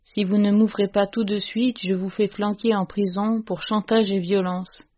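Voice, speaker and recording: A woman's voice: medium pitch, steady tone, normal speed, lightly acted. A woman reading the part of a proud, frightened father who lashes out in anger. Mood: angry. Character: proud, frightened respectable man, angry father. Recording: muffled lo-fi recording.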